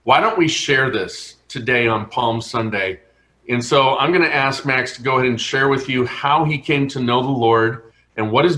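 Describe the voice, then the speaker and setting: Male pastor, relaxed address to an online congregation, light humor. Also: mid-range voice. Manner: informal, joking aside to home viewers. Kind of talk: sermon.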